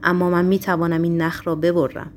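A woman's voice: mid-range voice, expressive, darkish tone, a little hiss or hum, natural voice. A woman reading the part of a stern middle-aged male Roman governor, with a harsh, broken voice and cold, mocking questions.

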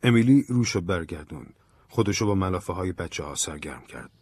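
A man narrating an audiobook in a calm, even storytelling manner. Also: deep voice, husky. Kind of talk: scripted narration.

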